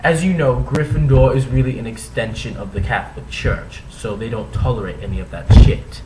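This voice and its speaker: A man's voice: medium pitch, steady tone, brisk, noisy background. A man giving a comic dramatic reading, theatrical in delivery, with sarcastic asides as he comments on the text. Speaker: reader and commentator.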